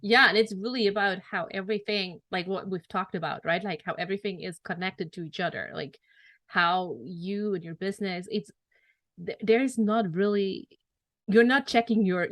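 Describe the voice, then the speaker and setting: A woman's voice: mid-range voice, normal speed, a bit bright, no echo. A woman hosting a podcast interview, affirming her guest with frequent fillers. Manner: affirming, many fillers like "like" and "mm-hmm". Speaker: podcast host. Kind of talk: casual interview chat.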